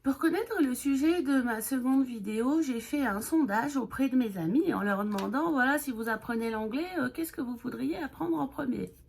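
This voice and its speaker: A woman's voice: high-pitched, animated, normal speed, gravelly, few pauses, a little mellow, slight background noise. A woman giving a humorous beginner English lesson in French, playful and jokey, with whispered asides. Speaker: English teacher.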